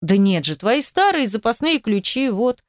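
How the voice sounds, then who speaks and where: A woman's voice: a little high, big pitch swings, normal speed, no echo, clean studio sound. Woman doing a whiny, pompous ex-husband. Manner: grumbling, offended, self-pitying. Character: whiny self-important man, the narrator's ex-husband.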